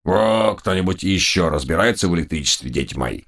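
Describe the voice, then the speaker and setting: A man's voice: low voice, lively intonation, fairly bright tone. A man voicing a trio of pompous, dim raccoon judges of a holy order, drawing out preachy phrases that start with a solemn "O". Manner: drawn-out, preachy, every phrase opened with "O". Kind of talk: audiobook character voice.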